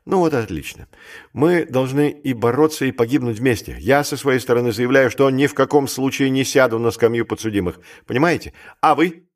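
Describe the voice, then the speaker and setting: A man voicing a bold, reckless male clerk and gambler who talks in a brisk, commanding way, in an audiobook. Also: medium pitch, lightly acted. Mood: grim, commanding. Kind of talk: audiobook character reading.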